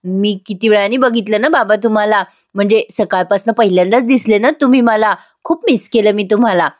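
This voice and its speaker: A woman's voice: mid-range voice, fairly quick, no room sound, clean studio sound, natural voice. A woman voicing a smug, overconfident young woman who talks in an overly sweet way. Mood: sugary.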